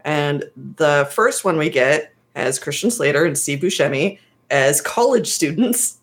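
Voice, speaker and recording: Woman cohost, kinda low voice, chatty, retelling a movie plot and laughing. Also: lively intonation, measured pace. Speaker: podcast co-host. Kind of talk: casual chat reviewing a movie.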